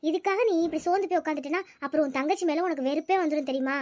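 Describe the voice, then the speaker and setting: Cartoon schoolgirl friend, very high and quick, coaxing and lecturing, voiced by a woman. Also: darkish tone, no echo, close to an everyday voice. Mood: reassuring. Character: caring, talkative village schoolgirl friend. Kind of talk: cartoon voice acting.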